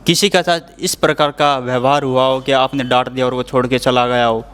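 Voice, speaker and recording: A man's voice: medium pitch, steady tone, fairly quick, a bit bright, clear, resonant tone. A man with a Haryanvi accent, interviewing a guest politely, with some light teasing. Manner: polite, teasing, frequent backchannel hums. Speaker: interviewer, channel host. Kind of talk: casual interview questions.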